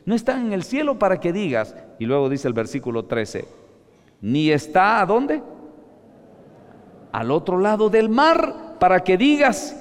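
A man preaching an emphatic sermon, reading scripture slowly and calling the listeners brother. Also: high voice, big-room sound.

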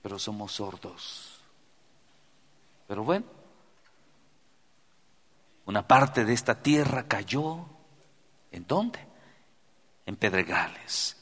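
Impassioned male preacher, lively pitch. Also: takes it slowly, pauses often, husky. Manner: impassioned preaching, swinging from loud cries to hushed prayer. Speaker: pastor. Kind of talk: sermon. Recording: long hall reverb.

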